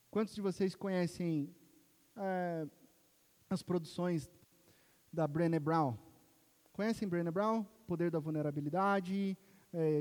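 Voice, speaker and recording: A male pastor preaching a sermon, swinging between soft and loud and asking the congregation rhetorical questions. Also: on the high side. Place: church sanctuary. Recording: long reverb of a church hall.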